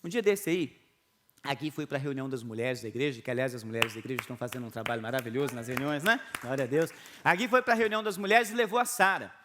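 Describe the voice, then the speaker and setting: A middle-aged Brazilian man with a Brazilian Portuguese accent, a pastor giving a video sermon and telling stories in an animated way with chuckles. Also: mid-range voice, quick pace, slight background noise.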